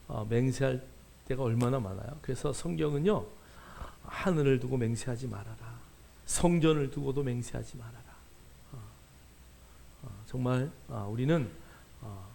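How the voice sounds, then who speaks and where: A male pastor preaching a sermon in a conversational way, with frequent filler sounds and slowed, stretched words for emphasis. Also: mid-range voice, gravelly, darkish tone.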